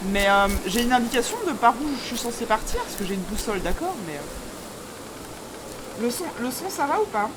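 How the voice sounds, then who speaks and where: Woman, higher voice, scared horror game streamer, startles easily, informal joking commentary, noisy background. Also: very animated, normal speed.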